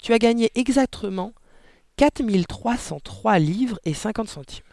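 A man voicing a calm, clever little girl who speaks gently in an audiobook story. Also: very high-pitched, moderate pace, no room sound, studio quality, pitched above the performer's own voice.

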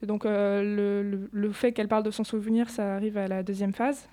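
A woman's voice: mid-range voice, flat delivery, a little fast, dark tone. A teenage girl co-hosting a student show, reading and analysing her own poem with many hesitant fillers. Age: teens. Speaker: student co-host.

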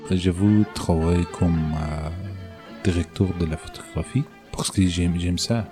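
Man, very low voice, slow, hesitant with fillers, faint music behind. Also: fairly even intonation. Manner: hesitant, many restarts and fillers. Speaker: interviewee. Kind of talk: casual personal talk in halting French.

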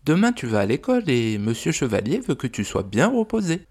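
A man voicing a gentle, caring mother dragon in a children's audio story, soft and reassuring. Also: medium pitch, wildly swooping pitch, fairly quick, breathy edge, voice pushed up, exaggerated voice. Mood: coaxing.

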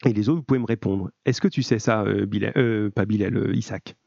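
A man's voice: lowish voice, brisk, creaky, darkish tone, dry recording. Friendly teacher man, dull lo-fi sound. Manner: friendly, informal, encouraging with students. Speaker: middle-school French teacher. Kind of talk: live call-in radio-style lesson.

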